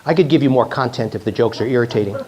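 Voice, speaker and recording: A man's voice: mid-range voice, very fast, warm tone, slight background noise. A man in his sixties, a chiropractor giving a joking, chatty talk to a live audience, often restarting his sentences. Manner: chatty, self-mocking, with many restarts.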